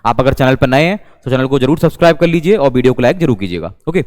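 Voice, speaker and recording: A man's voice: mid-range voice, animated, quick pace, a little mellow, long reverb tail. A man with an Indian accent teaching English vocabulary in a lecture, repeating terms as he explains. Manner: repeats words, mixes Hindi and English.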